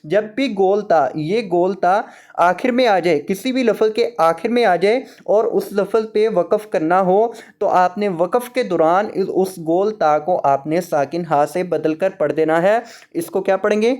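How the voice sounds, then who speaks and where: A man teaching Quran recitation, spelling words slowly letter by letter and drawing out each sound. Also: high-pitched, a little mellow. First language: Urdu. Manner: slow, drawn-out letter-by-letter spelling.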